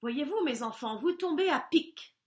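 A woman voicing a scheming, bossy old witch in a storybook, with a cackling, drawn-out delivery. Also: high voice, animated, voice pushed up.

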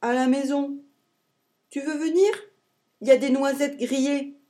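A woman voicing an excitable little hamster boy who wants to be a cowboy, eager and bossy. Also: high-pitched, unhurried, pitched above the performer's own voice. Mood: proud.

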